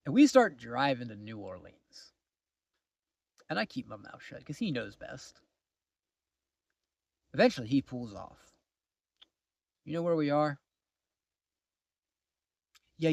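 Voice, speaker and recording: A man casually telling a long personal story to the camera, exasperated at times and dropping to low mutters. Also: expressive, a little slow, gravelly, long pauses, a little mellow, no room sound, clean studio sound. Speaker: vlogger.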